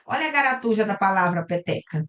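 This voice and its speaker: Animated and quick, this Brazilian Portuguese woman gives a recorded online class on a video call, explaining each step and checking on her students with frequent "tá?" and "né?". Her mid-range voice has a fairly bright tone, picked up by a computer mic.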